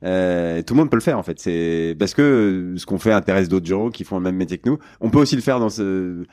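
Low-voiced hesitant podcast host. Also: male voice, lively intonation, brisk, a little mellow, no echo, clean studio sound. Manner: hesitant, many fillers and restarts. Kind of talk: casual interview.

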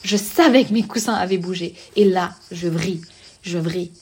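A young adult woman hosting a podcast, telling a personal story in a casual, animated way, with slang and frequent asides to the listener. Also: on the low side, moderate pace, a little hiss or hum. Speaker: podcast host.

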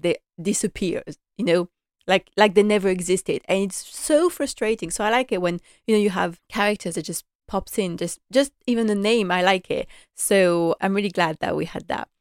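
A young woman hosts a podcast recapping a TV drama, chatting through a casual episode in a clean, mid-range voice. The dry studio recording is clean, and she's enthusiastic, sprinkling in plenty of "like" and "you know."

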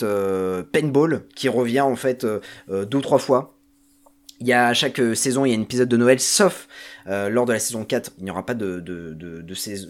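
A man talking casually on a podcast as a panelist, presenting a TV series with many hesitations and filler sounds. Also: fairly low pitch.

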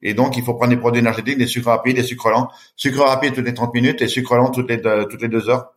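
A middle-aged man speaks fast at a medium pitch while guesting on a podcast. The long-distance swimmer tells an animated story and gives voice to each person in it.

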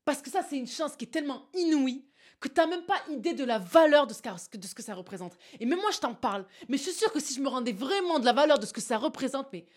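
A woman's voice: high voice, lively intonation, fast. A young woman giving a casual, emphatic motivational talk, addressing the listener directly with frequent asides. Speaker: motivational vlogger.

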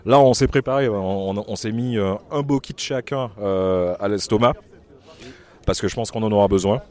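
A man hosting a podcast on site, talking in a relaxed, joking way with many hesitations. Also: lowish voice, normal speed. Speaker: podcast host. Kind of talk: casual podcast reporting on site. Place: indoor rum fair. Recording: loud crowd at a busy fair.

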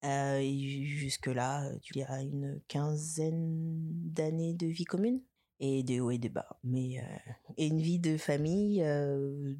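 Low-voiced young woman, hesitant and teasing. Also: fairly even intonation, takes it slowly, dark tone. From French Guiana. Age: 20s. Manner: hesitant, many fillers, laughs easily, teasing. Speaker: podcast guest. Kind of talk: casual interview chat.

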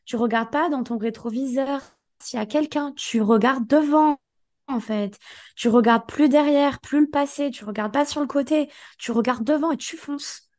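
Hoarse woman giving emphatic coaching. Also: high voice, normal speed, a little mellow. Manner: emphatic, coaching tone, speaks directly to the listener. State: hoarse, partly lost voice. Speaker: podcast co-host. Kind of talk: casual motivational podcast chat.

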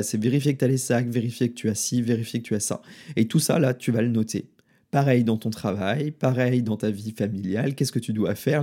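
A man in the middle of his register talks to the listener as a podcast host, giving informal, conversational advice. His voice is warm and mellow with a slightly husky edge. He sprinkles his talk with fillers and asides as if chatting with a friend. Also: medium pitch. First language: French. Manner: informal, addresses listener directly with filler words. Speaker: podcast host and wellbeing consultant. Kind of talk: casual advice podcast monologue.

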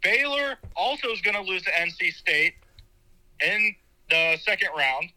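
Young guy on speakerphone, kinda high and really bright, casual and swears a lot. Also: lively intonation, unhurried, poor audio. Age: young adult. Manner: blunt, swears freely. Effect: heard over a phone on speakerphone. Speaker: caller phoning in. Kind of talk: casual chat.

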